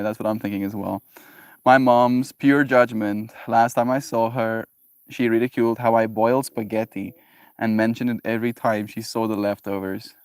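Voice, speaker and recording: A man hosting a casual livestream, reading chat messages and answering them in an animated way, laughing often. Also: fairly low pitch, smooth, no room sound, clean studio sound.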